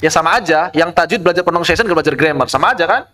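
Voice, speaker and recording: A man teaching an online tajwid lesson. He explains with rhetorical questions and recites Arabic verse slowly. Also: fairly high pitch, bright, forceful tone. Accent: Indonesian.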